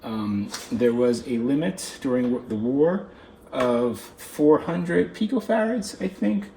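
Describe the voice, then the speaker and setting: This electronics video host talks slowly in a mellow, medium-pitched voice, musing casually and without a script as he inspects things, sometimes trailing off mid-thought. The audio is poor, with clear background noise and room ambience.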